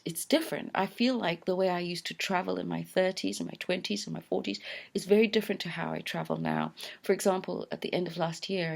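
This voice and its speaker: A woman's voice: on the low side, vocal fry, darkish tone. A woman in her fifties talking to camera in a casual vlog, reflective and hesitant, with many fillers and restarts. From London. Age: 50s. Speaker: channel owner. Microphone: close camera framed on mouth.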